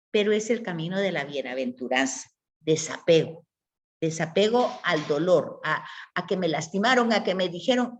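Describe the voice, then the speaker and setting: Woman teaching a Bible class. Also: mid-range voice. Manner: explanatory, asks the class rhetorical questions. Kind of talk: class lecture.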